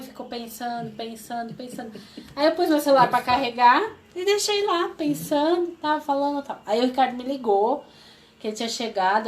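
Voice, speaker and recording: A Brazilian woman in her thirties telling an emotional personal testimony as an interview guest, lively and acting out what people said. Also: fairly high pitch. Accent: Brazilian Portuguese. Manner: lively, acts out quoted voices, laughs often.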